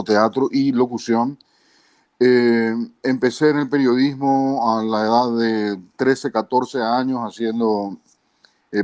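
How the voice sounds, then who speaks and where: A man's voice: medium pitch, a little mellow, dry recording. Man in his fifties, Paraguayan accent. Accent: Paraguayan Spanish. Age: 50s. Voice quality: trained, clear diction. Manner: measured, tags lines with a questioning aside. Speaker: guest, broadcaster and journalist. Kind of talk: interview storytelling.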